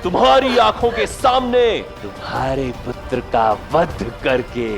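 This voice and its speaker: Man as a cruel tyrant king, gravelly, slow menacing delivery, high-pitched, music behind. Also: sing-song, exaggerated voice. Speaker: villain king. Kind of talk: historical TV drama acting. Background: dramatic music.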